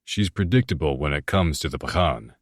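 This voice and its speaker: A man narrating a romance audiobook in the first person, in a steady, measured reading. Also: a bass voice, no echo, studio quality.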